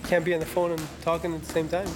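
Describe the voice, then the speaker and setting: High-voiced young man teasing on a livestream. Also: completely flat delivery, racing. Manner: teasing, asks many questions. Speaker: co-host of the livestream. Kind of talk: casual livestream chat. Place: large boxing gym, indoors. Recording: reverberant gym with loud background noise.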